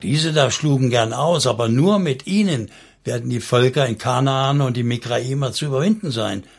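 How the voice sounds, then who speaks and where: A man narrating an audiobook in a calm, steady way. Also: medium pitch, moderate pace, gravelly. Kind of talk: audiobook reading.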